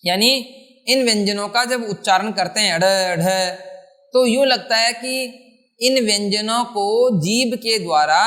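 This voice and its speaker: Bright, high-voiced male Hindi teacher. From India. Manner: asks questions and answers them himself; repeats key words slowly for pronunciation. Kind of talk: classroom lecture at a board.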